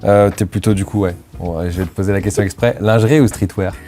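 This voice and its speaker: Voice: sits low, steady tone, fast, warm tone. An interviewer asking brief, upbeat either-or questions, with fillers. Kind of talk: quick-fire interview questions.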